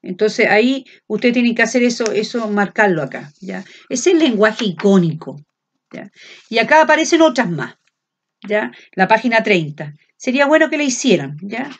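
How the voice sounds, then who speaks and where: Chilean woman teacher lecturing loudly without shouting, full of filler sounds and quick checks, on a dull lo-fi recording. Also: fairly high pitch, animated. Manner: speaks loud without shouting. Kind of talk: classroom lecture.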